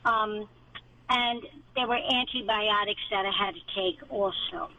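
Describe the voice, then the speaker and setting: A woman's voice: mid-range voice, a little slow, pushed and bright. A woman caller on a clipped phone line from her car, rambling through details to a radio advice host. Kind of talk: call-in radio talk. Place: inside a car.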